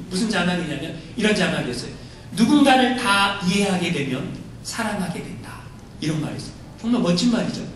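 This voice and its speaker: High-voiced male pastor in an echoing hall. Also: bright, forceful tone. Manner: keeps asking the congregation rhetorical questions. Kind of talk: sermon. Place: church sanctuary. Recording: very echoey hall, distant mic, faint rumble.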